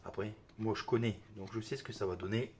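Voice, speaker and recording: A man with a bit of a cold hosts a cooking video, chatting casually while he works amid the clatter of dishes and utensils. He fills his speech with little interjections like "hop" and "hein." His voice is lowish, fairly even, a little fast and slightly mellow, with some background noise.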